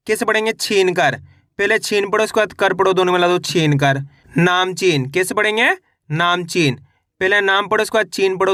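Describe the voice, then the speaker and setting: A man's voice: high voice, bright, forceful tone, no room sound, clean studio sound. A man teaching a reading lesson, sounding out words syllable by syllable and encouraging his viewers. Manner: encouraging, addresses viewers as friends.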